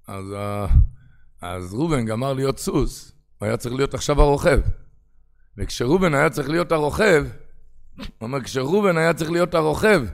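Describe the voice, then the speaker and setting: A man giving a religious lecture, telling parables and acting out their characters, moving between hushed and loud. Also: mid-range voice, creaky. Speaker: rabbi.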